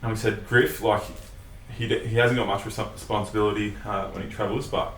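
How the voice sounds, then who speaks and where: A man's voice: on the low side, fairly even intonation, fairly quick, a bit bright. A young Australian man, a guest in a casual chat, telling a story with lots of fillers and the odd swear. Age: young adult. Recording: roomy sound, mic at a distance, faint hiss.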